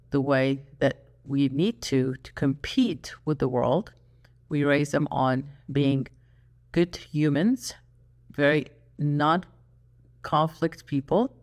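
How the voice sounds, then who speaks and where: An older Arabic speaker from Iraq hosts a solo YouTube channel monologue. His medium-pitched delivery is earnest and reflective, broken by pauses.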